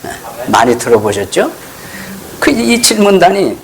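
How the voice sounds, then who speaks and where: A man's voice: high voice, big pitch swings, unhurried, gravelly. A man preaching a sermon in a church as pastor, often putting rhetorical questions to the congregation and acting out the scripture dialogue in changing voices.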